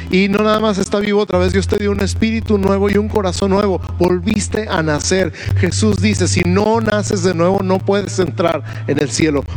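A man preaching as a pastor, speaking in earnest, repetitive and slowly emphasized phrases during a church service sermon. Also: high-pitched, darkish tone. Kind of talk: sermon with altar call prayer. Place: church service, streamed online.

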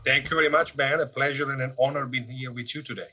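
A man in his fifties from northern Italy with an Italian accent, telling stories as an interview guest in an animated, joking way with many fillers. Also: medium pitch, fast talker, soft background music, rough recording. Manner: animated, jokey storyteller with frequent fillers. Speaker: guest, business school dean. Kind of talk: casual interview storytelling.

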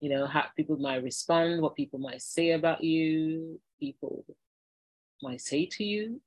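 A woman podcast host who asks her guest questions in a measured, encouraging way. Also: low-pitched, a little mellow, no echo, poor audio. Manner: measured and encouraging, laughs easily. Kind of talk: interview questions.

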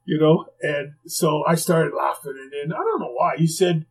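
An older man, a retired hockey player, tells stories in an interview in a lively, conversational way, with frequent asides and acted-out quotes. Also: a little high, normal speed, gravelly, slightly rough, rough recording. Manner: lively, conversational, heavy on "you know" asides, acts out quotes. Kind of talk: anecdotal interview storytelling.

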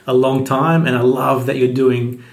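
An Australian pastor, a man with a gravelly mid-range voice, talks unhurriedly and flatly as a podcast guest. It's a casual interview, and he comes across friendly and easygoing, often restarting his sentences.

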